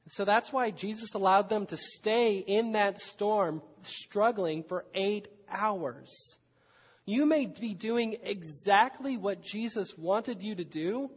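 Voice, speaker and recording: A man preaching a sermon in a church, telling the story dramatically with rising and falling emphasis. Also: high voice. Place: church hall. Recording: muffled sound with long hall reverb.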